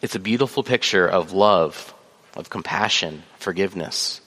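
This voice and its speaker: Lowish-voiced guy preaching, reads bible verses, um's here and there, big echoey church hall. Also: sharp tone, slightly rough. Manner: measured preaching with fillers, reads scripture aloud. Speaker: pastor. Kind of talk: sermon. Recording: long hall reverb.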